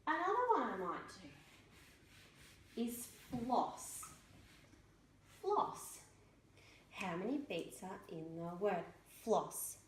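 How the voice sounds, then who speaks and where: Slow, deliberate woman teacher in an echoey room. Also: lowish voice, slight background noise. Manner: slow, deliberate, sounds words out letter by letter. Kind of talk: instructional explanation.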